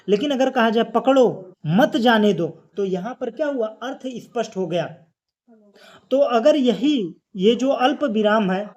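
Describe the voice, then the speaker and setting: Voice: mid-range voice, a little mellow. A teacher giving an exam-prep lesson, explaining step by step, asking questions and then answering them, and repeating key phrases. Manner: casual, friendly sign-off asking viewers to like and subscribe.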